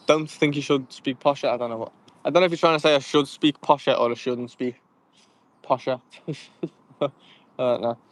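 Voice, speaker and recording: A young man with a Scouse accent, chatting casually and laughing often as he fishes outdoors and answers viewer comments. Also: medium pitch. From Liverpool, England. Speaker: fishing vlogger. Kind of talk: casual live-stream chat while fishing. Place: outdoors by cold water.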